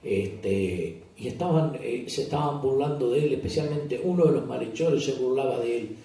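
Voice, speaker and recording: A man's voice: medium pitch, normal speed, warm tone. A man, a pastor telling a sermon story and asking the congregation questions. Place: church retreat service. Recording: echoey church hall, distant mic.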